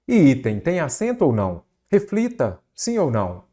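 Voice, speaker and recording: A man's voice: fairly high pitch, wildly swooping pitch, normal speed, mellow. A man with a Brazilian Portuguese accent teaching an exam-prep grammar lesson, quizzing the listener with rhetorical questions.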